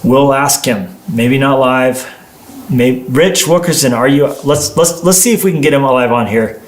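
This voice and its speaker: In a roomy, echoing indoor recording, a man co-hosting a livestream chats casually with his partner, telling stories in a playful, rambling manner. His voice is medium-pitched and his pace moderate.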